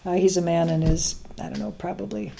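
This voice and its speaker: A woman's voice: lowish voice, fairly even intonation, a little fast, vocal fry, mellow, a little hiss or hum. A middle-aged woman talking casually as an interview guest, chatty, often laughing, with many restarts and fillers. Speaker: guest, science education advocate. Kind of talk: interview conversation.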